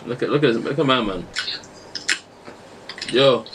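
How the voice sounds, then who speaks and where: A nineteen-year-old man bantering with strangers over video chat talks slangily and stammers, playfully repeating words. His voice is mid-range and a little slow, and the video chat audio is noisy.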